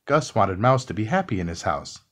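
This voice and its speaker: Low-voiced man reading a bedtime story. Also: very animated. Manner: soft, unhurried storytelling. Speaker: storybook reader. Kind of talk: calm bedtime story narration.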